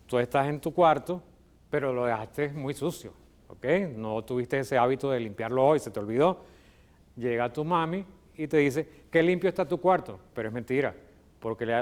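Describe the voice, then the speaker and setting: A Venezuelan man teaching a lesson on television in a mid-range voice, neither high nor low. He walks through the ideas patiently and keeps checking in with the viewer. He sounds like a teacher at a whiteboard. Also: darkish tone. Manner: explanatory, checks in with frequent "ok?". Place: studio with electronic whiteboard.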